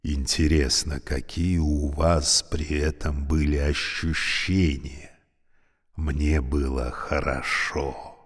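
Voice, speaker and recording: A man voicing an old, creaky, talking elevator, speaking slowly and courteously with a weary, sorrowful politeness. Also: extremely low pitch, flat delivery, in a large hall, heavily acted. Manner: slow, courteous, mournful.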